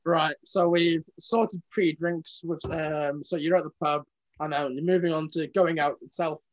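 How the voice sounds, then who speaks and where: A man's voice: a little high, steady tone, measured pace, highs cut off. A young man hosting a casual podcast chat, moving the talk along with questions. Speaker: podcast host.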